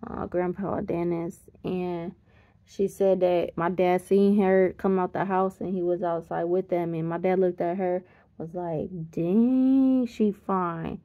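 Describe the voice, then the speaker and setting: Gravelly, tired woman rambling through a story. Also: fairly low pitch, level tone, measured pace. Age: 30s. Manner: rambling, self-correcting, chuckles mid-sentence. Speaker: vlogger. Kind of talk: casual storytelling. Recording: slightly dull lo-fi sound.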